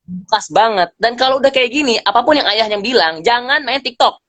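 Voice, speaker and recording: Animated man telling stories, dry sound. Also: very high voice, brisk, dry recording. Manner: animated storyteller, acts out dialogue, slangy. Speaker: guest speaker. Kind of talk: casual live-stream chat. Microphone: phone on a live video stream.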